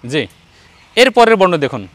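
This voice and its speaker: A man's voice: sits high, very animated, normal speed, a bit bright, dry recording. A man with a Bangladeshi Bengali accent, teaching Quran letter pronunciation online and patiently repeating each sound for his students.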